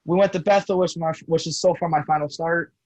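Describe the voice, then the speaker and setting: A man's voice: a little high, fairly even intonation, a little mellow, no room sound. A young man, a guest race driver, telling his story on a casual podcast, stumbling and restarting his sentences often. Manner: halting, with frequent restarts and self-corrections. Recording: dull lo-fi call audio.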